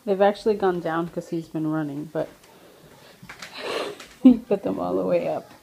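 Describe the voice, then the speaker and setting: A young woman, a mother, chatting through her vlog in a gushing, chatty way with soft half-whispered asides, at home and then out at a park. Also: fairly low pitch, measured pace, gravelly, low-quality recording. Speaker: vlogger and mother. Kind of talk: casual vlog narration. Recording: steady background noise.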